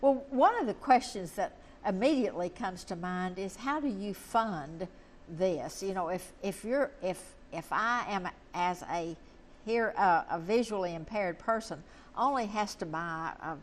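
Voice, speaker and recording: A woman's voice: medium pitch, a little slow. Folksy woman interviewer, some background noise. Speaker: interview host. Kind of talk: conversational interviewing.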